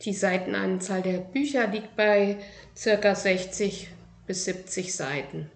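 A woman presenting a children's book series and reading from it aloud, in a calm, clear, measured way. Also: medium pitch.

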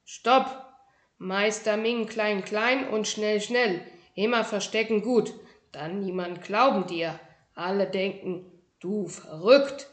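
A woman voicing a tiny, cocky male kung fu master who speaks slow, emphatic broken German. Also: medium pitch, reverberant, natural voice. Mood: urgent.

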